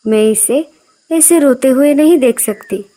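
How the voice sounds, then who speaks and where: A woman voicing an anxious, determined mother bird in a cartoon, speaking softly and earnestly. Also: high-pitched, unhurried.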